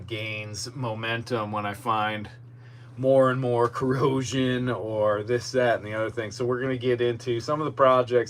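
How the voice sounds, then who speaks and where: A man with a fairly low voice chats loosely as a solo podcast host. He rambles and pokes fun at himself, speaking from outdoors in a yard with slight background noise and hum. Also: fairly bright tone. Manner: rambling, self-deprecating. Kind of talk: casual live-streamed solo podcast chat. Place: outdoors in a boatyard. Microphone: podcast microphone.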